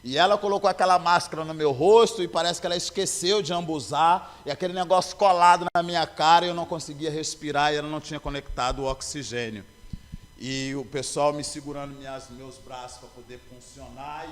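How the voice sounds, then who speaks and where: A man's voice: fairly high pitch, brisk. A man giving a personal testimony in church, telling his story earnestly and acting out the dialogue. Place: church sanctuary. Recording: long church hall reverb.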